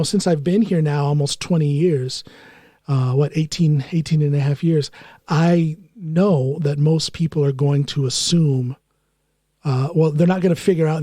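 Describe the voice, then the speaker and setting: A soft-spoken man from the United States, hosting a conversational interview and telling stories at an easy pace. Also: fairly high pitch, no echo, studio quality. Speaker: podcast host.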